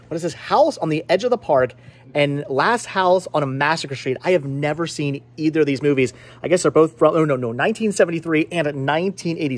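A higher-voiced vlogger who collects movies wanders playfully through his thoughts, frequently interrupting himself, in a casual, chatty shopping video. He records inside a video and game shop on a handheld camera held at arm's length.

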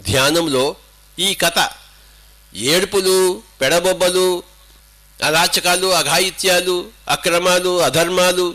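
Older guy w preaching, high bright voice, big rhetorical questions. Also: fairly even intonation, slow pace, pauses often. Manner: emphatic, repetitive, rhetorical questions, mixing in English and Hindi. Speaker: spiritual teacher. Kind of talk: spiritual discourse.

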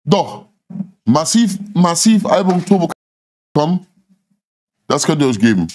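A man's voice: fairly high pitch, big pitch swings, unhurried, a little mellow. A middle-aged man hosting a livestream, telling stories in casual street slang with insistent, emphatic repetition. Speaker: livestream host. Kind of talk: casual chat and animated storytelling. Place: small dim indoor studio.

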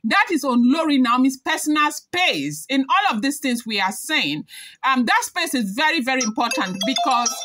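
A woman's voice: high voice, lively intonation, moderate pace, sharp tone. A young woman sharing celebrity gossip to camera in a chatty way, often repeating that the news is only rumored. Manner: chatty, hedging with repeated disclaimers. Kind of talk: casual gossip commentary to camera.

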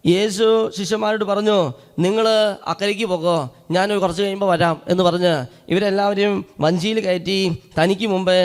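A middle-aged man with a Keralan accent, a priest preaching a sermon, retelling scripture as a story and asking and answering his own questions. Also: high-pitched.

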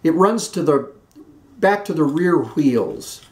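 A man voicing a chatty older Southern aunt who talks nonstop, in a high, breathless run-on way. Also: lively intonation, slow, a little mellow. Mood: fussy chatter. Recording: roomy echoey room.

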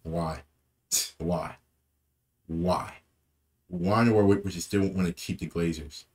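Recording on a desk webcam in a small room, a young football vlogger reacts casually after a match. His voice is low, deep, steady and a little mellow at a measured pace, and he meanders through it with repetition and frequent fillers.

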